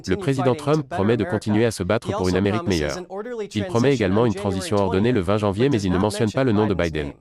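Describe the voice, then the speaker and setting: A woman presenter reading a news introduction in a brisk, formal manner. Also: very deep voice, a crowd in the background.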